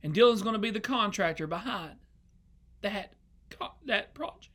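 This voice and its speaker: A young pastor preaches with a bright, forceful voice pitched fairly high for a man. He speaks earnestly and with emotion, circling back to repeat words as he builds each point. He sounds heartfelt, as if preaching from a church pulpit. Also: lively intonation, normal speed. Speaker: associate pastor. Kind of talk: sermon. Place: church sanctuary.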